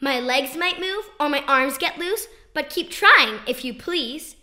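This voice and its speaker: With a bright, forward and strikingly high voice, this woman, who writes children's poetry, reads her poems expressively at a measured pace. The delivery is playful and sing-song, with clear emphasis on key words in a storybook read-aloud manner.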